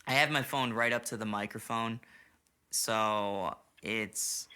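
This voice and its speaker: A man's voice: lowish voice, takes it slowly, pushed and bright, slight background noise. A slightly tipsy man hosting a casual late-night podcast chat into a studio microphone, rambling and swearing with lots of restarts. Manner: rambling and profane, many restarts. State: a little tipsy. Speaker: podcast host. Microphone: studio microphone, monitored on headphones.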